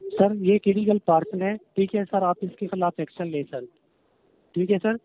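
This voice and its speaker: Pretending to be a courier agent, a scam caller with a high, steady voice talks at normal speed, with no echo. His scripted customer service patter is formal and repetitive, and he keeps saying "sir" to the person on the call. The audio is a tinny, narrowband phone connection.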